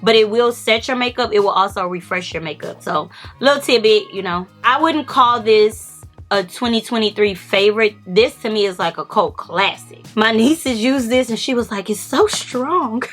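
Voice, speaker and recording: A woman's voice: mid-range voice, normal speed, few pauses, fairly bright tone. Chatty woman vlogging her makeup. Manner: casual, chatty, lots of "like" fillers. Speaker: beauty vlogger. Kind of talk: chatty get-ready-with-me makeup tutorial. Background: faint music.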